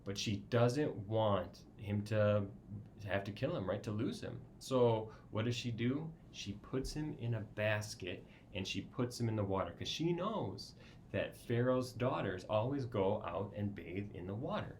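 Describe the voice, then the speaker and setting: A man's voice: fairly low pitch, lively intonation, measured pace, darkish tone, a little hiss or hum. A man teaching a children's Bible lesson, explaining casually with frequent "right?" check-ins.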